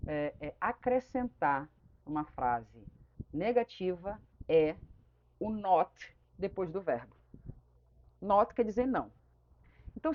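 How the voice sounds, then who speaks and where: A woman with a Brazilian Portuguese accent teaching an English lesson, explaining patiently step by step and often checking in with her students. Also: lowish voice. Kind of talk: online classroom lesson. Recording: dull lo-fi recording.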